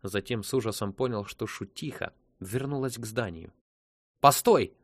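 A man narrating a science-fiction audiobook in a steady, even storytelling manner. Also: lowish voice, moderate pace, no room sound. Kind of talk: scripted narration.

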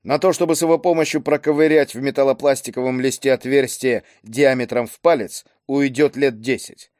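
A male narrator voicing a calm, ironic man who speaks wryly and unhurriedly. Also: medium pitch, fairly quick, dry recording, natural voice. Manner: dry mocking tone.

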